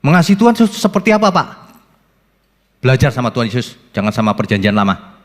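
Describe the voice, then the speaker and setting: A man preaching a sermon as pastor, animated, asking rhetorical questions and acting out quotes. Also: medium pitch, quick pace. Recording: long church reverb.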